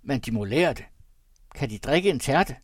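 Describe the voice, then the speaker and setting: A man voicing a jovial, booming old country pastor who fires hearty, teasing questions at a guest. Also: lively intonation, no room sound, studio quality, natural voice.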